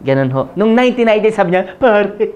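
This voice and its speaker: A man from the Philippines in his forties gives a motivational sales pitch, telling his own story and checking with the audience at every turn. He slips in jokes between points. The recording has a dull, lo-fi sound. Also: lively intonation, a little fast, a little mellow. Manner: storytelling with jokes, often asks the audience "tama?". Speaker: business presenter. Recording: dull lo-fi audio.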